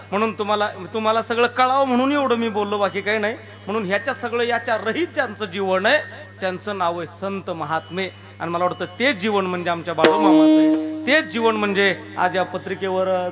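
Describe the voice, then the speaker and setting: A man's voice: high voice, a bit bright. A man from rural Maharashtra, giving a jokey devotional kirtan sermon and firing rhetorical questions at the crowd. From Beed district, Maharashtra. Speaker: kirtan preacher. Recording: live music clearly behind the voice. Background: tabla and harmonium music.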